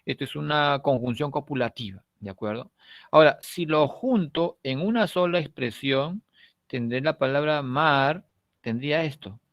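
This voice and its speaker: A man with a Peruvian Spanish accent teaching a recorded online class, explaining step by step, slowing down on key words, trailing off softly at the ends of phrases and checking in with frequent tag questions. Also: fairly high pitch, no room sound.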